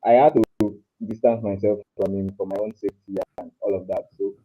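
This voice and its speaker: Young man from Africa, lower voice, earnest and halting, on a dull fuzzy clipping headset line. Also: steady tone, breathy edge, faint music behind. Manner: earnest, halting, repeats his words. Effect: fuzzy clipping distortion on the audio. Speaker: panel guest. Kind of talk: remote panel discussion. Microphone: headset mic on a call.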